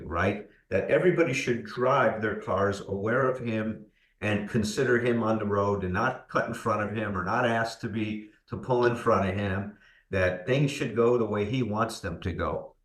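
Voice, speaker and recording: A man's voice: lowish voice, moderate pace. Reflective man in a roomy echo. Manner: reflective, explanatory. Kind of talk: casual podcast discussion. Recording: roomy echoing room sound.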